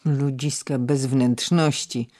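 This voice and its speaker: A man's voice: on the high side, a little slow, a little mellow. A man voicing a stern, curt old nobleman who scolds a crowd in a storybook reading.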